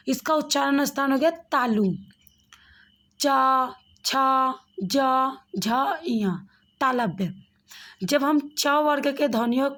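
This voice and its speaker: A woman teacher giving a classroom grammar lesson, slowly sounding out each letter and speaking directly to her students. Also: sits high. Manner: slow, demonstrates each sound aloud.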